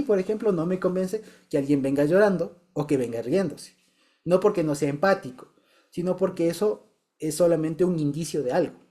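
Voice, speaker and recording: A man's voice: high voice, warm tone. A man sharing a personal testimony in a small Bible study group, chatty and repeating himself, often checking that listeners follow.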